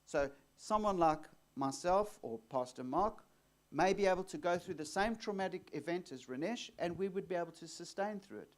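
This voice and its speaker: A man's voice: sits high, expressive, moderate pace. A man hosting an onstage interview, asking leading questions and backing the guest with frequent murmurs. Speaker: host, exorcist.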